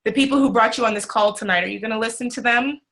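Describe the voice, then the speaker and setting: A woman's voice: on the high side, fast talker, fairly bright tone, low-quality recording. A woman in her forties giving a heartfelt motivational talk on a call, earnest and repeating her key phrases. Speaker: presenter.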